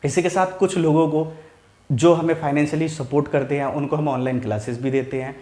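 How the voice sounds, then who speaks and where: हिंदी व्याकरण पढ़ाने वाला एक पुरुष शिक्षक, जो उदाहरण धीरे-धीरे दोहराता है और अपने ही सवाल पूछकर खुद जवाब देता है।. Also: male voice, a little high, fairly even intonation, warm tone, roomy sound. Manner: repeats examples slowly, asks and answers own questions. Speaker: Hindi grammar teacher. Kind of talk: explaining lesson to camera.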